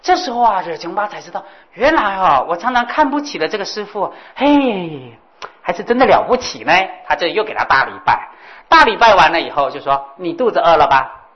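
A woman telling a Buddhist story in an animated way, with exclamations and sound effects. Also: mid-range voice, a little fast, muffled recording.

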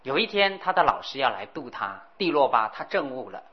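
A woman's voice: very deep voice, sing-song, brisk. A woman giving a Buddhist dharma talk, telling a story and acting out the dialogue. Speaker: Buddhist teacher. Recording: dull lo-fi recording.

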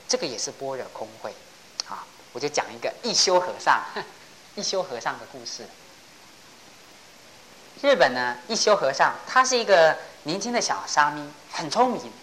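A woman giving a Buddhist dharma talk, animated and posing rhetorical questions. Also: sits low, a little hiss or hum, poor audio. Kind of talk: sermon with storytelling.

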